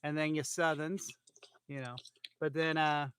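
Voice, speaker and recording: A California man hosts a casual podcast, talking into an iPhone while a bit loopy on pain pills, so he rambles with plenty of fillers and restarts. His voice is a little high and smooth, slightly bright, with little pitch movement and a measured pace.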